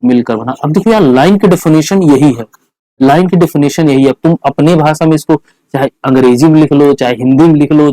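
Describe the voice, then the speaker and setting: A male math teacher giving a lively lecture, chatty and teasing, repeating questions to his students. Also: a little high, no room sound, rough recording.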